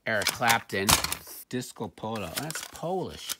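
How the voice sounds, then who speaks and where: With a lowish voice, big swings in pitch, and a measured pace, a middle-aged reseller casually comments on thrift finds at a table indoors at home. His dry, wry asides come out muttered, and handling clicks run through the noisy home recording.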